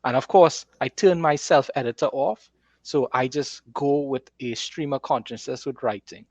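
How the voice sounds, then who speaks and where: An author hosts a casual conversation about writing, explaining things enthusiastically in a mid-range voice at normal speed. The recording is dry and lo-fi.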